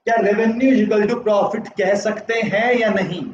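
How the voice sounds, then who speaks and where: Slow and steady in tone, this high male voice comes from an economics teacher lecturing live online despite a sore throat. He sprinkles in English terms and poses yes-or-no questions to his students, while the echoey, distant, slightly dull recording carries a little hiss or hum.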